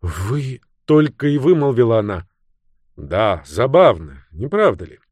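A man's voice: medium pitch, big pitch swings, measured pace, a little mellow, no echo, studio quality, pitched above the performer's own voice. A man voicing a brooding young male investigator in an audiobook, speaking curtly and earnestly.

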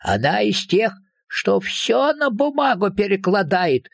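Cheeky little fairy men chatter in a squeaky, broad rustic dialect, as a man reading an audiobook puts them on. The voice sits far above a normal man's, husky at the edges, and recorded dry and close. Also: very animated, slow pace, dry recording, full character voice. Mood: scheming. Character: tiny rough-spoken male fairy folk, cheeky. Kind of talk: audiobook character voice.

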